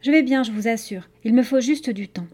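A woman's voice: a little high, a little fast, dark tone, lightly acted. Anya, a wary young girl, read by a woman.

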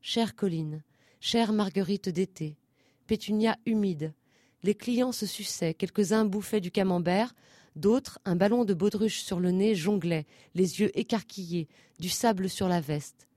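A woman narrating a literary story, reading short phrases in a measured, rhythmic way. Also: medium pitch, mellow, no echo, studio quality. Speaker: audiobook narrator.

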